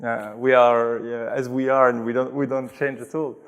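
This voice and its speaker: Gravelly-voiced man. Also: medium pitch, little pitch movement, moderate pace. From Belgium. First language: French. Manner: thoughtful, hesitant with many restarts. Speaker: interview guest. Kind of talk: conversational interview answers.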